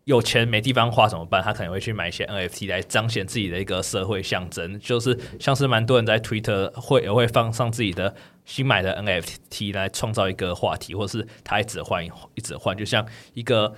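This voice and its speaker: Fast-talking Taiwanese Mandarin man. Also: on the low side, fairly bright tone. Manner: fast, filler-heavy explaining. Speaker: podcast co-host. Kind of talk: casual explanatory chat.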